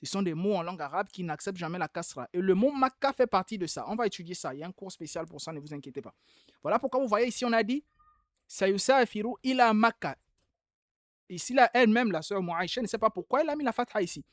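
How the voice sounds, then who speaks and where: A man's voice: sits high, lively intonation, racing, a bit bright, no echo, clean studio sound. Patient man correcting homework aloud. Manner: patient, repeats key points emphatically. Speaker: Arabic teacher. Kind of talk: online class, correcting homework.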